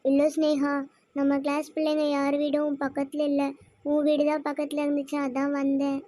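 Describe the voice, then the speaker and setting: A woman playing a poor, kind schoolgirl in a church kids' skit, talking in a soft, pleading way. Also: sits high, monotone, normal speed, lightly acted.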